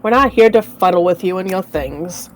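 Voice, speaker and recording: A woman's voice: on the low side, lively intonation, moderate pace, soft background music, rough recording. A woman chatting casually and bantering in character as a player in a tabletop game.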